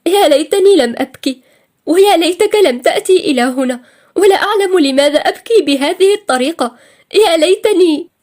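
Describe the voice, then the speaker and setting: A woman's voice: a little high, expressive, moderate pace, a little mellow, natural voice. A woman voicing a timid young secretary who speaks with a trembling, tearful voice.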